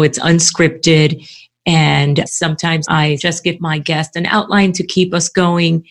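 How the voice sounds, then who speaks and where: Woman podcast guest, candid and reflective, notably low voice. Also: vocal fry. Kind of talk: casual podcast conversation.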